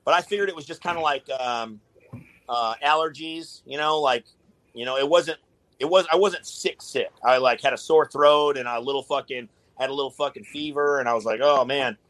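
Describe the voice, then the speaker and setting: A man's voice: medium pitch, moderate pace, a bit bright. A man in a casual podcast chat, talking in a laid-back, rambling way with lots of swearing. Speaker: guest, tattoo artist.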